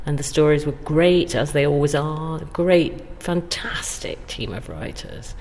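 A middle-aged actor is interviewed as a guest in an indoor stairwell, chatting casually in an effusive, emphatic way. Her voice is low-pitched and a little mellow at a measured pace, and the stairwell makes the recording very echoey.

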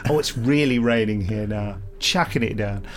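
A middle-aged Englishman co-hosts a podcast in a lowish voice at a normal pace, with a little background noise. He rambles playfully, swinging between jokey banter and mock-grand scripted announcements.

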